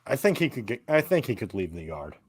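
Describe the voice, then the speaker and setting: A man hosting a casual talk show, teasing and animated in his delivery. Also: mid-range voice, fairly quick, slightly rough. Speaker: host. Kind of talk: casual chat.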